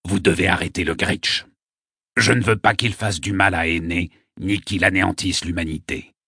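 A man voicing an ancient, frail, cantankerous poet with a raspy voice and solemn, sardonic speech in an audiobook. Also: low voice, fairly even intonation, normal speed, bright, forceful tone, dry recording, studio quality, exaggerated voice. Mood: pleading.

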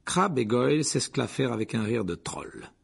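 A man narrating an audiobook with expressive storytelling. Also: medium pitch, normal speed, creaky, slightly rough.

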